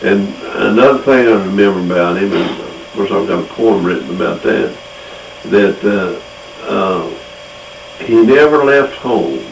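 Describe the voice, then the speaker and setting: A man's voice: low-pitched, measured pace, gravelly. An older man, rambling through childhood memories of his grandfather. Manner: rambling, repetitive recollection. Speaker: storyteller. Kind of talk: casual reminiscing. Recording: echoey room, distant mic, faint noise.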